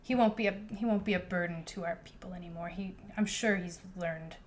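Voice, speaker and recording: Gentle, pleading young woman in a tabletop game, a woman voicing her, soft and low-key. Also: a little fast, a little hiss or hum, lightly acted.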